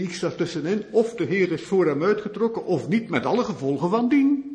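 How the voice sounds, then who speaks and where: A man's voice: fairly high pitch, creaky. A man preaching an expository sermon, reading verses and asking rhetorical questions. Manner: animated, rhetorical questions, emphatic.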